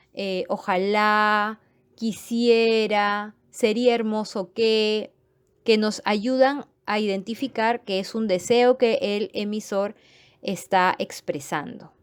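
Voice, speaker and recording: A woman's voice: mid-range voice, clean tone, no echo. A woman teaching a grammar lesson to viewers, explaining patiently and checking in with them as she goes. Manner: patient, repeats points and checks understanding; friendly sign-off to viewers.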